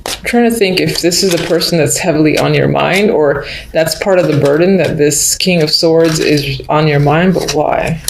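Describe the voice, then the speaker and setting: A woman's voice: low-pitched, moderate pace, vocal fry. A woman giving an unscripted mystical tarot horoscope reading, musing and thinking aloud as she addresses the listener. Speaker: tarot reader. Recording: roomy echo, background noise, faint clicks.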